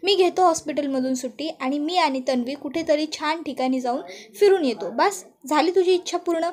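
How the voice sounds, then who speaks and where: A woman's voice: high-pitched, a little fast, a little mellow, lightly acted. A woman voicing a busy young male doctor who placates his mother. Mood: placating.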